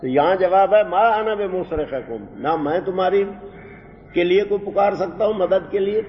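A man teaches Quran grammar, drawing out Arabic verses slowly before explaining each word. His voice sits a little high. The sound is dull and carries a long hall echo. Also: slight background noise. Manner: recites Arabic verses slowly, then explains in quick Urdu.

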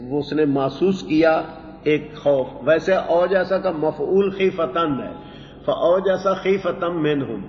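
Male teacher, somewhat high voice, patiently glossing words in a dull, echoey hall recording. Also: slight background noise. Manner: explains word meanings slowly, repeats phrases. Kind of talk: Quran translation lesson.

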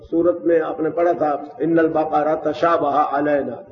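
A man giving a methodical classroom lecture on Arabic grammar, explaining step by step with frequent pauses. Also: a little high, little pitch movement. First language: Urdu. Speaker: teacher of Quranic Arabic grammar. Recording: distant, dull, roomy hall with faint hiss.

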